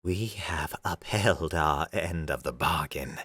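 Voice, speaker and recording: A man's voice: a bass voice, takes it slowly, sharp tone, breathy edge, dry recording, clean studio sound, exaggerated voice. A man voicing a fearful female alien chancellor with a trembling voice in an audiobook story.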